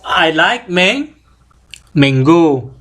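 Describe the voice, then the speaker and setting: A male English teacher in a classroom lesson, mixing English words into his explanations and slowly drawing out words to drill pronunciation. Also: on the high side, sing-song, a bit bright. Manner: mixes English into Indonesian explanations.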